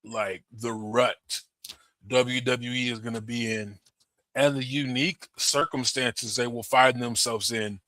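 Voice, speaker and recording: A male podcast co-host with a bright, forceful voice, recorded close and dry on a plug-and-play mic. He talks in an easygoing, halting way. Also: medium pitch, steady tone, dry recording. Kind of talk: casual podcast chat. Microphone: plug-and-play USB mic.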